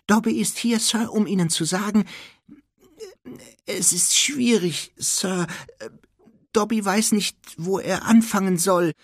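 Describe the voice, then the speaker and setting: A man voicing a small, servile male house-elf with a piercing squeaky voice who calls everyone sir. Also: slow pace, husky, dry recording, studio quality, exaggerated voice. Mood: earnest. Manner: calls everyone sir, refers to himself by name.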